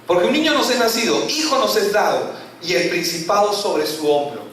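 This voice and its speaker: A male pastor preaching a sermon, full of rhetorical questions and falling low on key words. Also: expressive, a little fast, a bit bright, a little hiss or hum. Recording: echoey church hall from far off.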